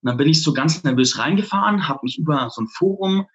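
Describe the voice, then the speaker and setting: A man, a flirt coach, telling a lively personal story in an interview, laughing often and acting out what people said. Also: on the high side, fairly quick, breathy edge, highs cut off. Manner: animated, laughs often, acts out quotes.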